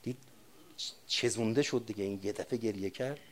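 Give me an older man preaching a sermon, switching between hushed storytelling and forceful, loud emphasis. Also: fairly low pitch. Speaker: religious speaker. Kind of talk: sermon with personal war memories.

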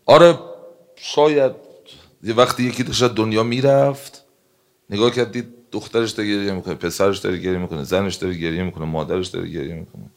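A man preaching a sermon, telling stories and reciting religious texts in Arabic, moving between loud emphatic passages and hushed ones. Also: lowish voice, fairly even intonation. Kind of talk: emotional sermon with storytelling.

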